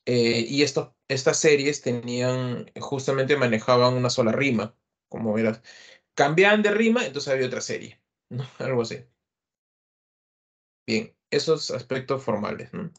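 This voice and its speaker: A man with a Peruvian Spanish accent gives an online literature lesson in a mid-pitched voice. He talks through each point patiently and keeps checking in with short tag questions. His speech is full of hesitation fillers. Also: lively intonation, moderate pace, dull audio. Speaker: literature teacher. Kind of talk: online class lecture.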